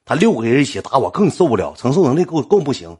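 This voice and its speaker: A man with a Northeastern Chinese accent telling a comic story in a rambling, colloquial, animated way. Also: mid-range voice, quick pace, husky.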